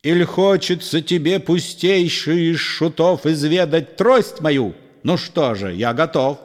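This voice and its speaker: A fierce, swaggering swordsman-poet, as a man reads him aloud, scornful and threatening. He drawls his insults slowly in an audio-play reading. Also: fairly high pitch, voice pushed up. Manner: scornful, threatening, mocking politeness.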